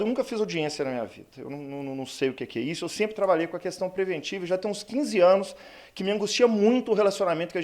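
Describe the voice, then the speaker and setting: A man's voice: fairly high pitch, darkish tone. A man, a lawyer from Brazil, giving a chatty, self-mocking conference talk with many fillers in a conference hall.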